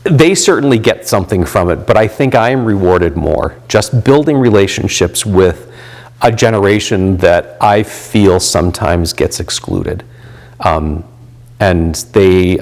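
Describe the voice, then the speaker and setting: Low-voiced man in his fifties, rambling gently. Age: 50s. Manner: rambling, many fillers and restarts. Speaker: volunteer chaplain and pastor. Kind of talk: reflective interview talk.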